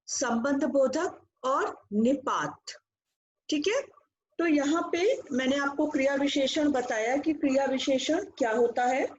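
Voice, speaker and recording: A woman's voice: sits high, a little mellow. Patient woman teaching grammar, lo-fi audio. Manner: patient, repeats with examples, mixes English words. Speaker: Hindi teacher. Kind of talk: online class explaining grammar. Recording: dull lo-fi audio.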